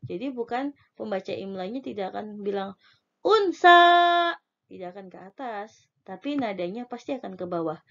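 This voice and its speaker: A woman with an Indonesian accent teaching a spelling lesson, slowly dictating and drawing out example words syllable by syllable. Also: medium pitch, gravelly, mellow, lo-fi sound.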